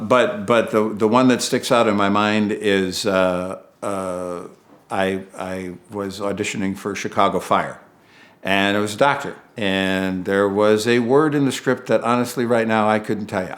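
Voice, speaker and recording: A man, an actor, casually telling an anecdote in an interview as an animated storyteller who acts out dialogue. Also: on the low side.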